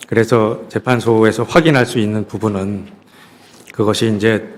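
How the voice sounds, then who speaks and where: A man. He testifies formally as an official would. His phrasing is careful, measured and guarded. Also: on the low side, fairly even intonation, a little hiss or hum. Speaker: court secretary-general answering questions.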